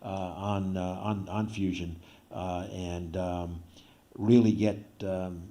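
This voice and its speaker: Low-voiced moderator, halting with fillers. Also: male voice, flat delivery, warm tone. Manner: halting, many uh fillers, light laughs. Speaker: panel moderator. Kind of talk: closing remarks.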